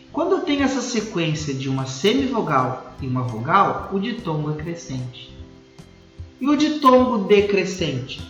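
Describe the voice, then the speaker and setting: A Brazilian Portuguese-accented male teacher with a high, lively voice, explaining step by step and checking in with his class often. The recording is dull and lo-fi, with a roomy echo and faint music underneath. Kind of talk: recorded grammar lesson.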